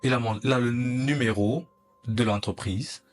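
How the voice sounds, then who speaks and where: A man's voice: mid-range voice, steady tone, moderate pace. A young man, earnestly telling a personal story in an interview and acting out the dialogue. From Cameroon. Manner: earnest, recounting, acts out dialogue.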